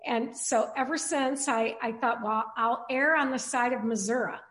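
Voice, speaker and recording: A woman with a somewhat high voice hosts a podcast conversation. She talks in a halting way, stopping and restarting with lots of fillers. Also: steady tone, a bit bright. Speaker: podcast host and pastor. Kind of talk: casual interview chat.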